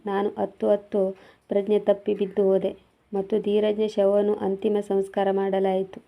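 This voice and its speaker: A woman reads a first-person story in a steady, measured tone. Her pitch barely moves from line to line. The sound is thin and tinny, like a phone line. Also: vocal fry. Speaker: narrator.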